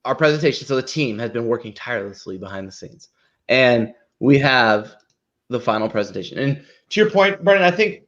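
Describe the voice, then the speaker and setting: A man with a medium-pitched, fairly bright voice and lively intonation briskly hosts a live marketing show. Informal and emphatic as he presents and critiques, he often seeks agreement with tag questions; the recording is dull and lo-fi.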